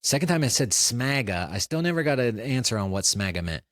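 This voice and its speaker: A man's voice: mid-range voice, sing-song, fairly quick, fairly bright tone, dry recording, studio quality. Exasperated male podcast host. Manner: exasperated, incredulous. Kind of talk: comedy podcast sketch.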